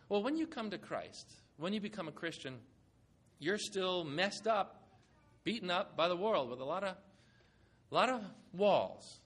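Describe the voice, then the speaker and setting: A man preaching to his congregation in a sermon, speaking earnestly and conversationally. His voice sits a little higher than most men's, and he leans on folksy everyday examples to make his point. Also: fairly bright tone. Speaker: pastor. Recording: church sanctuary recording.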